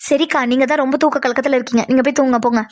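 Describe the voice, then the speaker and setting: A woman voicing female characters in a cartoon, brisk and chatty, often indignant. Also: sits high, fairly even intonation, a little mellow, dry recording. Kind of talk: Tamil cartoon voice acting.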